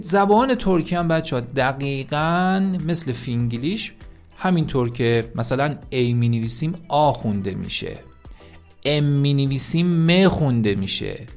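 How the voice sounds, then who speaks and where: A man teaching a language lesson with lots of energy, talking to his students directly and repeating key words for emphasis. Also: fairly high pitch.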